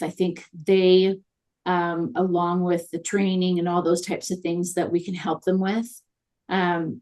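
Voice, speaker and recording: Speaking in a lowish, slightly mellow voice, this guest on virtual assistants keeps the conversational interview chatty and upbeat. She leans on many fillers.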